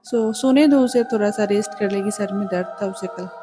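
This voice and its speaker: A woman's voice: medium pitch, normal speed, natural voice. A woman voicing a worried young husband who is confused and frightened by his wife. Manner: pleading, bewildered. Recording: music playing behind the voice.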